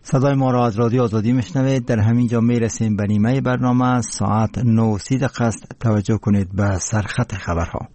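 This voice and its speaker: A man's voice: mid-range voice, steady tone, few pauses, mellow, a little hiss or hum. A man with an Afghan accent reading scripted radio news headlines as a presenter, in a solemn and formal manner.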